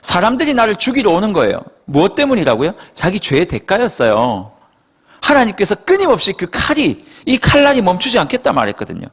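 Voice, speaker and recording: A male pastor preaching a sermon to young adults in a lively storytelling style, speaking to the congregation directly and acting out dialogue. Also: high voice, a little fast, slightly rough. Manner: addresses listeners directly and conversationally. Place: church worship service.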